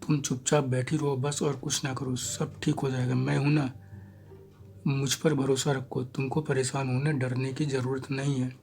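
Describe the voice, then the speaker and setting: A man's voice: medium pitch, flat delivery, normal speed, darkish tone, soft background music, lightly acted. A man reading an audio story, voicing a young man who is firm, reassuring and a bit impatient.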